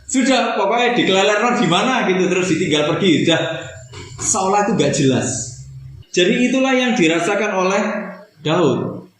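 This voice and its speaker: A man's voice: sits high, animated, moderate pace, fairly bright tone. A man preaching a conversational sermon, often turning to his listeners as brothers and sisters. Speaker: pastor. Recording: very echoey hall.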